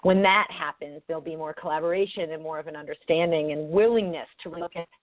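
A woman's voice: sits low, fast talker, dry recording. A woman physician talking earnestly as a guest in an interview, heard over a call whose audio keeps breaking up. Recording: tinny dry call line, breaking up.

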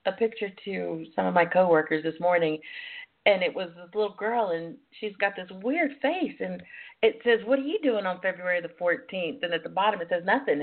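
Female talk host, mid-pitched, casual and playfully sassy, thin telephone-like sound. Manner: sassy, playful, familiar address to listeners. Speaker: radio talk show host. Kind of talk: casual, chatty call-in talk show. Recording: lo-fi, tinny phone-line internet radio.

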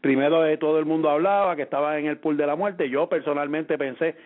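A Puerto Rican man co-hosts a sports podcast, reasoning aloud and repeating words as he restarts his thoughts. His voice sits a bit high and comes through a narrow, phone-like line. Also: fairly even intonation, a little fast. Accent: Puerto Rican Spanish. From Puerto Rico. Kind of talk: casual sports talk.

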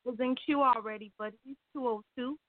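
A woman's voice: on the high side, fairly even intonation, brisk, no room sound. A woman calling into a radio show over a phone line, cheerful and giggly. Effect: call-in voice over a phone line.

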